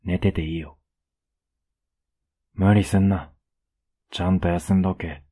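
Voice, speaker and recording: A young man with a Kansai accent in a whispered role-play as a blunt, rough-spoken boyfriend who is caring underneath, recorded close up at home. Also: low-pitched, fairly even intonation, unhurried, dark tone. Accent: Kansai Japanese. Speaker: voice actor playing a boyfriend.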